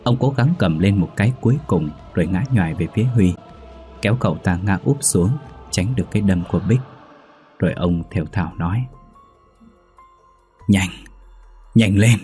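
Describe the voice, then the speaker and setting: A man narrating a ghost story in a steady, measured reading voice. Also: low voice, soft background music.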